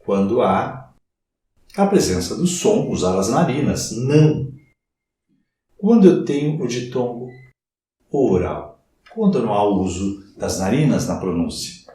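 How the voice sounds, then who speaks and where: A man's voice: medium pitch, sing-song, unhurried, pauses often, warm tone. A man with a Brazilian Portuguese accent teaching a recorded class, stretching key words for emphasis and asking and answering his own questions. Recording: very echoey room, voice from far off.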